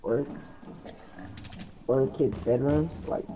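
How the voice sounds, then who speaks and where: A man's voice: medium pitch, steady tone, slow, dark tone. A man chatting casually during a multiplayer game, swearing, griping and teasing crudely. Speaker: gamer in a multiplayer match. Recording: noisy game voice chat, clicks.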